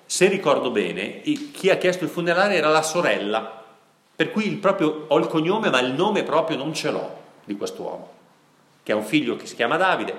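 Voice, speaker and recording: Italian priest preaching in an echoey hall. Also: male voice, medium pitch, a bit bright. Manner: storytelling, asks the audience questions, slows down for emphasis. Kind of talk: sermon.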